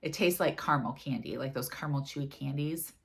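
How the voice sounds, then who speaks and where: Woman from the US, low voice, casual rambling craft vlogger. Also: fast talker, vocal fry. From United States. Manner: chatty, rambling, full of "like" and "um". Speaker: cross-stitch vlogger. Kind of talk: casual chat.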